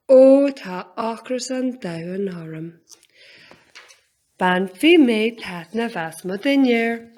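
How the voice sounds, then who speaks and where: A woman presenting simple scripted narration for young learners, in deliberate, repeated phrases. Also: medium pitch, a little mellow.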